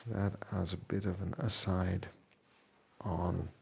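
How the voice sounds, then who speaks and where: A man in his forties talks slowly about fitness in a relaxed, reflective home chat. His fairly low voice has a gravelly edge, and he often pauses to think. A faint hum sits behind him. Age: 40s. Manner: unhurried, reflective, pauses with fillers. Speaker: fitness vlogger. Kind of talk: casual chat. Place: home kitchen.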